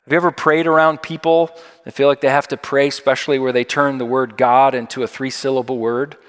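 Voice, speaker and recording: A man's voice: medium pitch, little pitch movement, fairly quick. A man preaching a sermon in a conversational, emphatic way, repeating key phrases for weight. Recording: long hall reverb.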